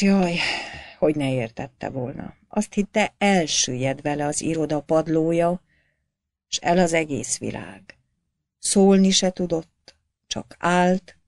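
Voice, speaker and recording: Low, gravelly woman reading a novel. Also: no room sound, clean studio sound. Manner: steady, storytelling. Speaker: audiobook narrator. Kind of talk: scripted novel narration.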